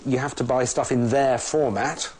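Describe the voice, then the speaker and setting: A man presenting a tech review in a brisk, explanatory voice-over. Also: mid-range voice, steady tone, darkish tone, husky.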